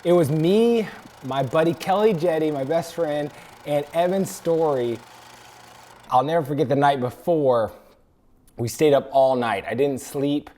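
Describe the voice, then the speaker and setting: A young man vlogging to camera, telling a story with excitement and acting out the screams and quotes of others. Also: a little high, unhurried. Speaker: travel vlogger.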